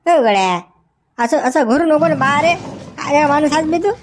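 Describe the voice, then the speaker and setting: A man's voice: very high-pitched, expressive, moderate pace, background noise. A man with a Varhadi Marathi accent playing a quarrelsome village farmhand in a comedy sketch, talking in rustic banter. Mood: grumbling. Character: bickering sleepy village farmhand, male. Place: outdoors in a village field.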